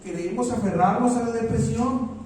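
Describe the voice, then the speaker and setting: A man preaching a sermon as pastor, slow and deliberate, repeating his phrases. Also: very high voice, darkish tone, heavy reverb, recorded from a distance, slight background noise, rough recording.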